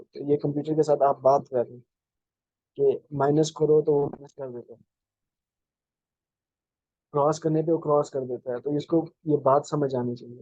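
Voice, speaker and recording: A man giving a programming lecture, explaining slowly with many fillers and restarts, over a video call. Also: on the high side, mellow, no echo, dull audio. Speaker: programming instructor. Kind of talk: live online lecture.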